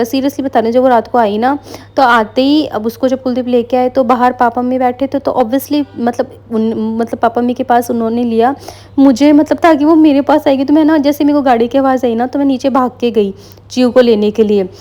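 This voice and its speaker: In a chatty, casual talk to her viewers, a young woman mixes English words into her Hindi the way vloggers often do, wandering easily through everyday stories. Her slightly high voice comes across soft and mellow, not bright.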